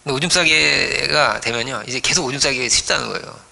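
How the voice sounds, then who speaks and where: A man's voice: medium pitch, fast talker, creaky, sharp tone. A man preaching a sermon as pastor, telling stories playfully, acting out voices and often checking in with the congregation.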